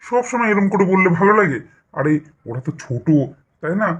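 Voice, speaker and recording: A man voicing a soft-hearted, doting father in a doll cartoon who pleads and appeases. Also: high voice, big pitch swings, a little fast, husky, exaggerated voice. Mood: pleading. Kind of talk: doll story voice acting. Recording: dull lo-fi recording.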